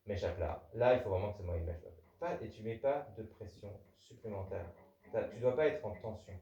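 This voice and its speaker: A man's voice: lowish voice, fairly quick. A man teaching a cello master class, correcting a student often and singing out the bow rhythms. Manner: animated, corrects often with repeated "non", sings bow rhythms. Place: rehearsal hall with cello playing. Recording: roomy, distant, dull sound with loud cello.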